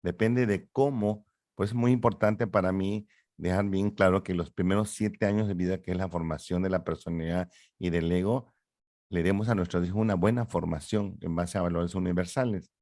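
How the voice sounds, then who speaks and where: A middle-aged man, a psychologist explaining ideas in an interview in an animated, lecturing way with rhetorical questions. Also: low voice, moderate pace, no room sound, clean studio sound. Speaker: psychologist guest.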